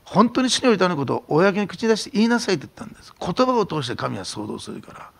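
Animated, gravelly-voiced preaching pastor. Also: male voice, sits high, fast. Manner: animated preaching, drops to a hushed whisper for emphasis, then shouts. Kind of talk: sermon.

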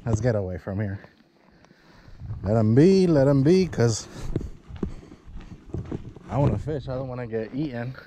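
A man's voice: medium pitch, animated, unhurried, pauses often. A young man vlogging while fishing from a canal bank outdoors, talking casually to the camera and to himself. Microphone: head-mounted action camera. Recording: outdoor action-camera audio with clear background noise.

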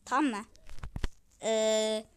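A woman hosting a gaming channel, commenting on her play in an excitable, chatty way with sudden yells. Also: on the high side, slow, a little hiss or hum. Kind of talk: game commentary.

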